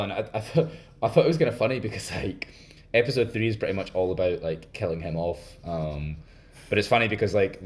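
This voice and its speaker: A man's voice: sits low, a little mellow. A Scottish man co-hosting a podcast, talking casually about film with many fillers and restarts. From Scotland. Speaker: podcast co-host.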